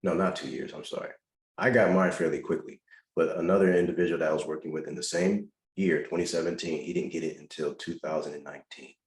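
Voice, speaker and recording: A man's voice: rumbling low, fairly even intonation, fast talker, echoey room. A man hosting a video-call Q&A, giving instructive advice to callers and stressing his points by repeating them. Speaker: host answering caller questions.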